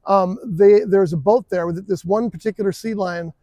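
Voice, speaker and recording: A man's voice: sits high, steady tone, moderate pace, mellow, dry recording. A man co-hosting a podcast in casual conversation outdoors. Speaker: podcast co-host. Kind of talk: casual chat. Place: outdoors on a waterfront boardwalk.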